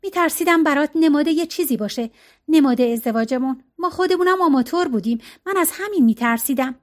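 Woman reading a flustered middle-aged wife, high voice, soft and apologetic. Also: lightly acted. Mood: earnest.

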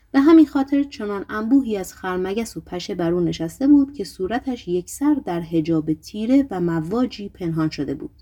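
A woman narrates a novel in a measured, even cadence. Her voice sits a little low and has a soft, warm, mellow tone. The reading is steady and unhurried, scripted storytelling from start to finish. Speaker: audiobook narrator.

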